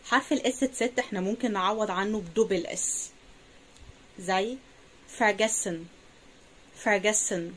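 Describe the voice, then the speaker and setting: A woman's voice: medium pitch, a bit bright, slight background noise. A young woman with an Egyptian Arabic accent gives a German pronunciation lesson, saying each word twice in a patient, careful way. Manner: slow, patient, careful repetition. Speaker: German teacher.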